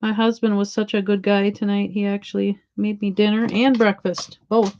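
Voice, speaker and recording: A woman's voice: mid-range voice, flat delivery, moderate pace, darkish tone, slight background noise. A chatty woman talks in a mid-range voice, easygoing and rambling as she works on a painting at home. Her talk wanders and circles back as she chats with viewers. The recording is dull and lo-fi. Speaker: saw painter streaming her work. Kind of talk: casual chat while painting. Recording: dull lo-fi sound.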